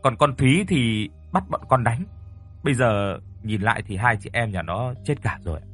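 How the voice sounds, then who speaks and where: A man's voice: medium pitch, lively intonation, normal speed, a bit bright, soft background music, lightly acted. A man voicing a frightened young male servant who stammers and speaks deferentially. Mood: stammering.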